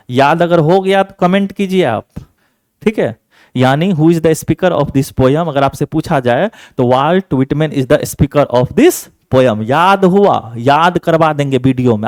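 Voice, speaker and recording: A male teacher running an exam-prep class, repeating each answer slowly and checking again and again that students have it memorized. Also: on the high side, darkish tone, dry recording, clean studio sound. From Bihar, India.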